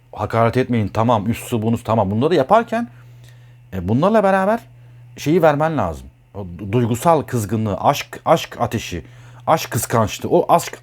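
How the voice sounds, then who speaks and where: Blunt, heated, husky man. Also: mid-range voice. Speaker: astrologer. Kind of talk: casual monologue.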